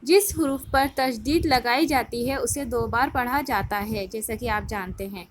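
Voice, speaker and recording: A woman teacher with a high voice walks children through a grammar lesson. She is patient, keeps asking the class questions and then answers them herself. A faint hiss with small clicks sits under her voice. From India. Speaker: school Urdu teacher.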